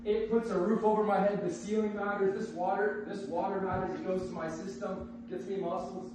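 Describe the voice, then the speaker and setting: A man's voice: high voice, little pitch movement, brisk, crowd noise. Distant, echoey man, blunt and dismissive. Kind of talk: heated family argument. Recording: echoey room, distant mic, overlapping voices.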